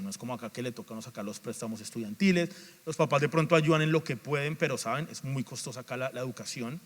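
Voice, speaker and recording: A pastor preaching a sermon, asking rhetorical questions and stacking lists, moving between quiet asides and loud emphatic peaks. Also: male voice, medium pitch. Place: church sanctuary. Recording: long hall reverb.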